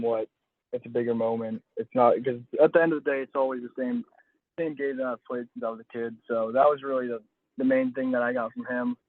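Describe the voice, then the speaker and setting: Being interviewed, a young adult college baseball pitcher talks casually in a mid-pitched voice, often hedging, self-correcting, and restating what he just said. It comes through a dull, dry lo-fi phone line with no room sound at all.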